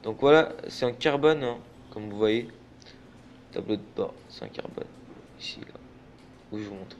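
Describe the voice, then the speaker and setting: A man's voice: lowish voice, normal speed, dull audio. A tired young man giving casual gameplay commentary, rambling, stumbling over his words and swearing often. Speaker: gaming channel host. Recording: noisy, racing game engine sounds behind. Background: racing game car and engine sounds.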